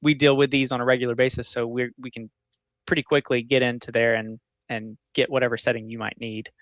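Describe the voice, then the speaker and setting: A man's voice: medium pitch, little pitch movement, brisk, a bit bright, no room sound, muffled recording. A man explaining technical details conversationally and informally as an interview guest.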